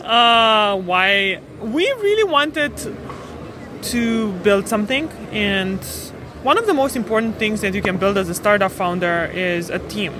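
A Romanian woman in her thirties, a startup co-founder, appears as a podcast guest and explains her work matter-of-factly. Her medium-pitched voice is animated and a little slow, with noisy street ambience behind her.

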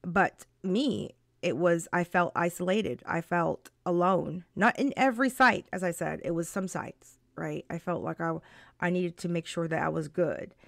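Gravelly woman co-hosting a live chat. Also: on the low side, moderate pace, no echo, studio quality. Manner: animated and laughing, many restarts. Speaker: co-host of a live stream talk show. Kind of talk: casual live-stream chat.

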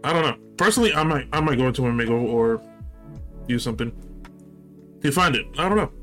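A young man chatting casually as podcast co-host. He rambles and restarts, swears freely, and keeps trailing off with "I don't know." Faint music plays softly behind him. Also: medium pitch. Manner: rambling, hesitant, swears often. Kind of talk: casual chat.

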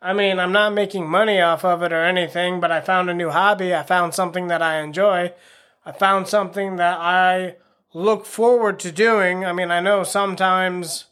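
Podcast host, male, high-pitched, chatty and self-deprecating solo monologue. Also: pushed and bright, clear, resonant tone. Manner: rambling, self-deprecating, frank. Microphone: home podcast microphone.

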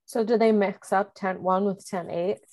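A woman's voice: mid-range voice, fairly even intonation, moderate pace, darkish tone. A woman podcast co-host in casual chat who drops dry, sarcastic asides.

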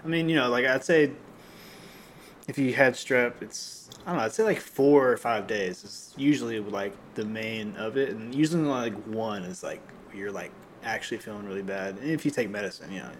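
A young man in casual chat, telling a long story with lots of fillers and restarts, and a slightly rough voice that he often clears. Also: lowish voice, normal speed, a little hiss or hum. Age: young adult. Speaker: podcast co-host.

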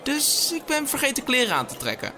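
A man's voice: very high-pitched, huge pitch swings, a little fast, over music. A tired man hosting a comedic solo podcast, rambling with stammered restarts and frequent swearing, into a podcast microphone. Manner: rambling, self-interrupting, swears often. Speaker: podcast host.

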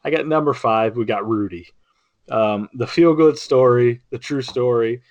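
A man's voice: mid-range voice, moderate pace, darkish tone, no room sound, dull audio. Rambling casual podcast man, dry sound. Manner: rambling, lots of restarts and fillers. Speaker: podcast co-host. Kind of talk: casual chat.

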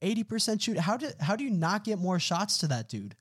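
A man's voice: sits high, big pitch swings, fairly quick, fairly bright tone, breathy edge. A young man co-hosting a casual sports podcast, laid-back, dropping "bro" and agreeing with "mm-hmm". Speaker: podcast co-host.

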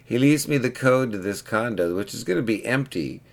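A man's voice: mid-range voice, animated, normal speed, creaky. A man who repairs pinball machines tells a chatty, rambling story in a casual vlog, often tagging lines with "right?".

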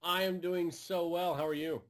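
A man's voice: high voice, steady tone, moderate pace. A man from a game publisher guesting on a podcast, talking earnestly in casual chat with fillers.

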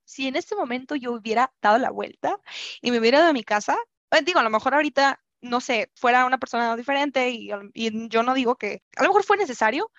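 A young Mexican woman with a Mexican accent telling a personal story as a podcast guest, animated and acting out the dialogue. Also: sits high, quick pace, no echo, dull audio. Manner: animated, acts out quoted dialogue, laughs often. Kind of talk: casual storytelling chat.

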